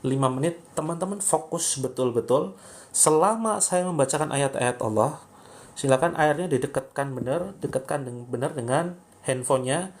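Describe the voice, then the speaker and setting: A man coaching viewers through a live-streamed faith healing session, guiding them step by step and praying, with sudden loud commands. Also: medium pitch, normal speed.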